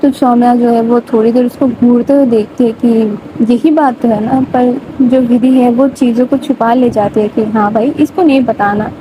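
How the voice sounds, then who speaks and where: A young woman retelling a love story in a loose, chatty way, full of casual fillers. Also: a little high. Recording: dull lo-fi audio with faint noise.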